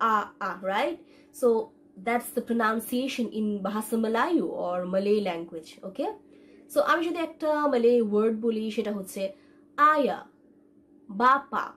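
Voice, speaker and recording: Young woman teaching vowel sounds patiently. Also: a little high. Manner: patient teacher, repeats sounds slowly, mixes in English. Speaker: language instructor. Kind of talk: online language lesson.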